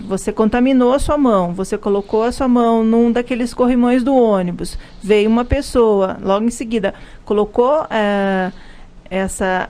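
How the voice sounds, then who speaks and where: A Brazilian woman with a medium-pitched, darkish voice explains health topics as the pharmacist guest on a live radio interview. Her Brazilian Portuguese accent comes through, and she keeps restarting and using fillers.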